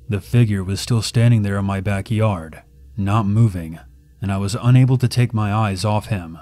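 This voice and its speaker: Low-voiced man narrating a horror story. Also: a little mellow. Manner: grave, measured storytelling. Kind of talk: scripted narration. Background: faint background music.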